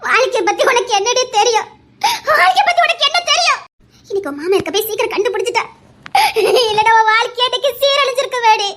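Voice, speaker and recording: A woman voicing a furious middle-aged mother who scolds her daughter in a shrill voice. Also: animated, quick pace, bright, forceful tone, full character voice. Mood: scolding.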